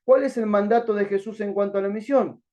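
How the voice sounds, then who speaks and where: A man's voice: high-pitched, fairly even intonation, fairly quick, warm tone, highs cut off. A man teaching a Bible class at a missionary school, asking rhetorical questions and restarting sentences as he searches for words.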